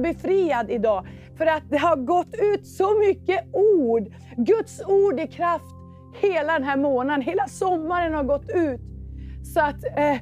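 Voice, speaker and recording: A woman's voice: sits high, a little mellow. A woman preacher giving a fervent, informal sermon to a congregation. She mixes plain talk and filler words with praying aloud in tongues. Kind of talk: charismatic sermon with prayer. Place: church meeting before a congregation.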